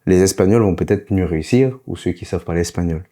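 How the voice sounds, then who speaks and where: Male teacher, low and mellow voice, slight foreign accent, patient and repetitive. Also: fast. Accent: foreign accent in French. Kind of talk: casual spoken lesson.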